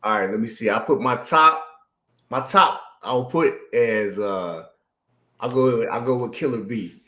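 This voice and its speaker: A man's voice: medium pitch, unhurried, pushed and bright. Slangy male co-host, echoey room. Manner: loose and slangy, with many fillers. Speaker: podcast co-host. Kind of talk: casual chat. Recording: roomy echo.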